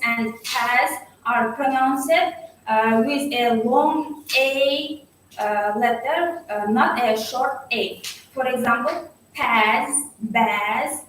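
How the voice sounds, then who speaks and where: A woman giving a student research presentation, halting, with frequent pauses and restarts. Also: high voice, a bit bright, a little hiss or hum. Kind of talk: academic presentation. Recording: echoey hall, far from mic.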